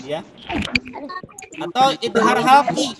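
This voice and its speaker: A man's voice: very high voice, fairly even intonation, slow, over a noisy crowd. A man teaching an online class on Quran recitation, explaining patiently and drawing out the recited examples over a video call. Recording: loud hiss and clicks on a video call.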